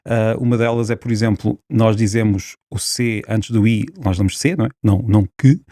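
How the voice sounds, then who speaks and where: A man's voice: fairly low pitch, level tone, a little fast, warm tone, no room sound, studio quality. A man with a European Portuguese accent, a linguist guest on a podcast, explaining at length with many fillers and restarts.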